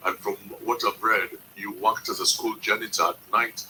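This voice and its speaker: A man hosting a news podcast, narrating from a script and asking measured, probing questions. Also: on the low side, steady tone, bright, forceful tone, distant mic, a little hiss or hum, poor audio. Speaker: podcast host and interviewer.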